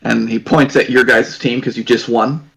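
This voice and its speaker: A man's voice: mid-range voice, fairly even intonation, vocal fry, a bit bright, poor audio. A man narrating as dungeon master, rambling and restarting his sentences. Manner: rambling, halting, many restarts. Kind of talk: narrating a tabletop game.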